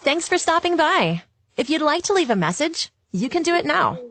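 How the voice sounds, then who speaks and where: A woman's voice: high voice, normal speed. A woman's automated greeting played through a doorbell speaker. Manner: flat automated announcement. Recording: distant tinny doorbell speaker.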